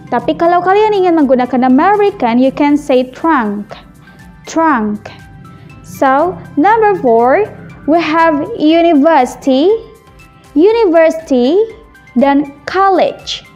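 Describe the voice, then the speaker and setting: A woman English teacher from Indonesia gives a vocabulary lesson, mixing two languages and repeating words slowly for practice. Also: sits high, a little mellow, lo-fi sound.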